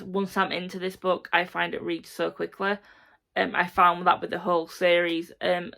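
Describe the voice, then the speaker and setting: A young woman with a croaky, gravelly edge to her lowish voice chats through a reading update at home. She rambles and corrects herself as she goes, in a relaxed vlog manner. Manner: rambling, self-correcting chat. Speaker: reading vlogger. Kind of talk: casual reading update to camera.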